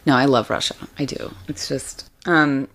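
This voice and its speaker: Very low-voiced woman, hesitant. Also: normal speed, fairly bright tone. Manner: hesitant, many fillers and restarts. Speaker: author guest. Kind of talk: casual interview chat.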